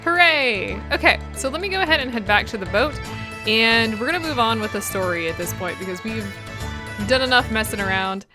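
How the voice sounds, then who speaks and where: A woman's voice: on the high side, animated, a little fast. Chatty woman narrating gameplay. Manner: chatty, joking asides. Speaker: let's play host. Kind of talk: casual gameplay commentary. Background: game music.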